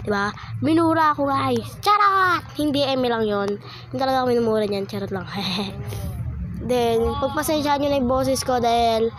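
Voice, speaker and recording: A woman's voice: fairly high pitch, normal speed, background noise. Playful young woman with a stuffy nose. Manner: playful, teasing, frequent laughing asides. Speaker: content creator. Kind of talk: casual vlog chat.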